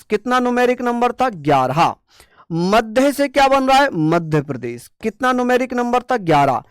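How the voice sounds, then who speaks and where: Dry-voiced teacher drilling with call-and-response. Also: male voice, sits high, smooth, no room sound. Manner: repeats questions and answers them himself in a call-and-response way; playful, jokey mnemonics with scolding asides. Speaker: exam-prep teacher. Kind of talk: online coaching class lesson.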